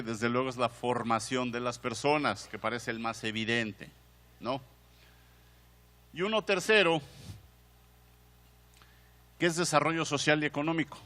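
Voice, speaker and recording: Long hall reverb surrounds a male museum director giving a conversational conference talk with a Mexican Spanish accent. His mid-range voice has a fairly bright tone, and he asks the audience questions while often restarting his phrases.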